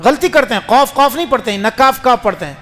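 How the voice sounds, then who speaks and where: High-voiced man preaching in an echoey hall. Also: animated, a bit bright. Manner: questions the audience, explains rules patiently. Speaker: mufti preacher. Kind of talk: religious lecture.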